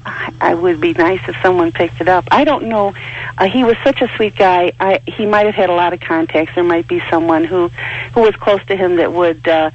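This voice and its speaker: A woman chatting casually as a phone-in caller, a little halting as she repeats words, over a phone line. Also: on the low side, a little mellow. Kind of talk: casual chat.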